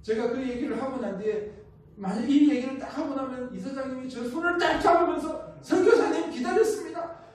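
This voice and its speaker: A man's voice: very high voice, a little fast. A man from the Gyeongsang region with a Gyeongsang accent, a missionary preaching a sermon and telling his story with rhetorical questions and acted-out quotes. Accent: Gyeongsang Korean. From Gyeongsang region, South Korea. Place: church sanctuary. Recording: echoey church hall, mic at a distance.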